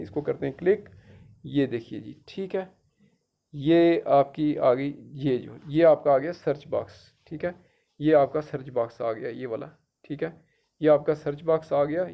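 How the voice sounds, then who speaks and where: Middle-aged man, teacher, gravelly voice, patient and repetitive, step-by-step tutorial, dull lo-fi sound. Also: on the high side. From Jammu and Kashmir. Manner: patient, repetitive, keeps checking with "theek hai". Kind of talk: screen-guided tutorial. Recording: dull lo-fi recording.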